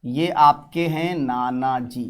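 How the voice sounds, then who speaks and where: During an online exam-prep lesson, a man talks while writing on a board, repeating key terms and answering his own questions. His voice is medium in pitch, slow, clear and resonant.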